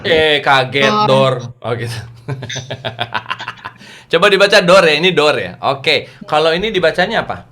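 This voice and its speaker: A man with a slightly raised voice leads a lively lesson for teenagers over a video call. He keeps it playful and animated, tossing questions at his listeners. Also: a little high, a little slow. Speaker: youth religious class teacher. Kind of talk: lively lecture to teens.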